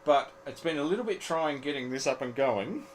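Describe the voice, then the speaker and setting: A brisk man with a somewhat high voice and lively intonation hosts an amateur radio club presentation, an informal live technical show-and-tell for hobbyists. He often repeats words and phrases, and a little hiss or hum sits under the recording.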